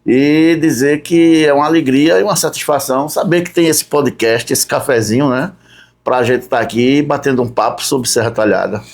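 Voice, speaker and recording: A man from Recife chats as a podcast guest. He talks at an unhurried pace, listing his jobs one by one and tagging his sentences with a questioning "né?". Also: mid-range voice, gravelly. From Recife, Brazil. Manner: unhurried, lists his work step by step with frequent "né?". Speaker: podcast guest, tourism guide. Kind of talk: casual interview chat.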